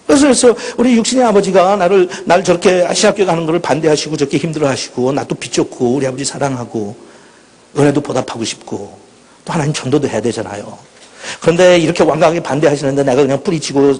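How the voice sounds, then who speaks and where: A middle-aged male pastor preaching a dramatic personal story at a retreat, swinging between loud outbursts and hushed lines. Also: fairly high pitch, fast talker, husky. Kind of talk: impassioned sermon storytelling. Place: large hall at a student retreat. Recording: echoey hall with long reverb.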